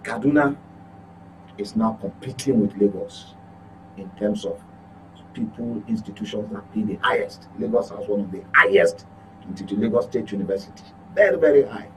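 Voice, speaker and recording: A journalist gives political commentary on a talk show in a Nigerian accent, his voice fairly low, a bit bright, and moderately paced. He speaks emphatically, frequently repeating and correcting himself. The audio is clearly noisy with electrical hum.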